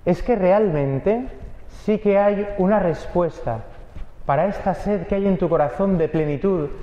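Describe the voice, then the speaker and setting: Priest from preaching earnestly, talks right to you, highish voice, roomy echo. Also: male voice, measured pace, warm tone, dull audio. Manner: earnest, addresses listeners directly. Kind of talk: sermon.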